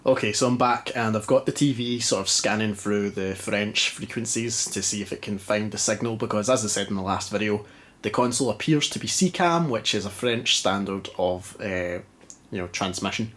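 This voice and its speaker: Testing an old console in a dark living room, a Scottish retro gaming vlogger chats casually, rambling along and making fun of himself. He speaks at normal speed in a fairly low voice with a fairly bright tone, though it's stuffy and congested.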